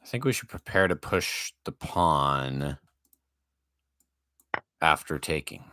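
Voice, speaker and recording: A man's voice: a bass voice, animated, takes it slowly, bright, forceful tone, clear, resonant tone, no echo, studio quality. A young man commentating his own online chess games, swinging between panic and self-hype with self-deprecating jokes. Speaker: chess streamer.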